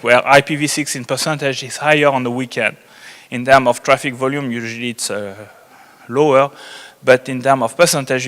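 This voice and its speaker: A network engineer with a strong French accent gives an unscripted technical presentation at a conference, explaining as he goes. His medium-pitched, slightly bright voice echoes in a big reverberant hall.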